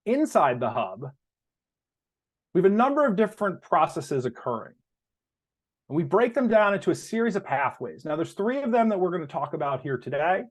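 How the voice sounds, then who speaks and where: Addressing investors as a company executive, a man talks in a slightly high voice with very lively intonation. His explanations are deliberate, and he puts weight on the key terms.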